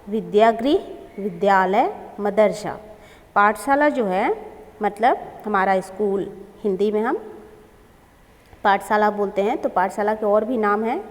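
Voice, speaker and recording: Slow, patient woman teaching children. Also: mid-range voice, long reverb tail. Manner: slow, explaining and repeating words for children. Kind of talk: children's grammar lesson.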